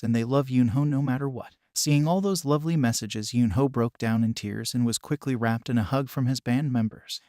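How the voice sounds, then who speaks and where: A man narrating a comic story recap in a steady scripted way, with brief personal asides. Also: mid-range voice, no room sound, studio quality.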